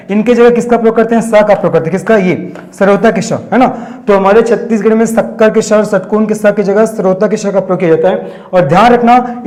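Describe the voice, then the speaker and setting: High-voiced man teaching a grammar lesson. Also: darkish tone. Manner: asks and answers his own questions, repeats key terms. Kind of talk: exam-prep grammar lesson.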